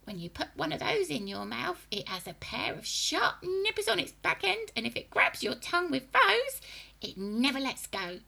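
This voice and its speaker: A woman voicing a nasty old grandmother, a menacing witchlike hag with a high, creaky, whispery and throaty voice, who talks slowly and gloats over every word. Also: big pitch swings, bright, forceful tone, full character voice. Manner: slow, gloating, relishing each word.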